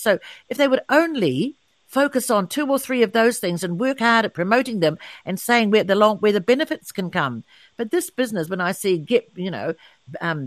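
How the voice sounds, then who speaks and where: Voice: medium pitch, dry recording. Rambling New radio host. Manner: rambling, restarts, dry chuckles. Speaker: radio talk show host. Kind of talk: casual radio chat.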